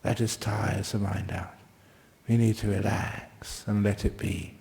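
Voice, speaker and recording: A man's voice: on the low side, fairly even intonation, unhurried, creaky, darkish tone. A man speaking informally as a meditation teacher, introducing a class in plain, short phrases.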